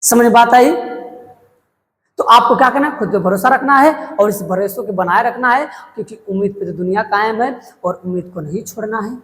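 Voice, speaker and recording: A man with a notably high voice runs a casual spoken-English lesson, saying each phrase twice as a drill. He keeps calling his viewers brother. The sound trails off in a long, reverberant echo. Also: brisk, fairly bright tone. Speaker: English teacher.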